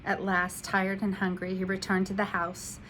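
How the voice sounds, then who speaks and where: A woman, an instructional coach, reading a children's picture book aloud in an expressive, animated way. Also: mid-range voice, normal speed, slight background noise, low-quality recording.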